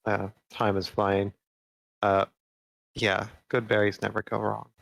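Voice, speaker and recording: Gravelly low-voiced man player. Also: monotone, a little slow, a bit bright, dry recording.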